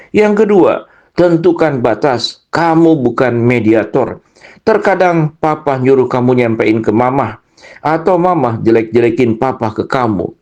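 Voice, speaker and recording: A man giving an earnest, gently encouraging devotional talk to children, speaking with emphasis. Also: medium pitch, dull audio. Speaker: youth preacher.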